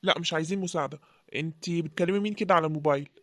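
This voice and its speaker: A jealous young husband with an Egyptian accent, played by a woman in an animated story. He talks in a demanding, accusing manner at a very rapid pace. The sound is dry and close. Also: sits low, no echo. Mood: calm. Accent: Egyptian Arabic.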